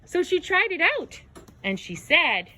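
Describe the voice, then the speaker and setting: A woman tells a children's storybook tale with dramatic exclamations and gasps. Her voice is high and swoops widely, and she takes her time. The tone is bright and clear. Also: big pitch swings, a little slow. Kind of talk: animated storybook narration for children.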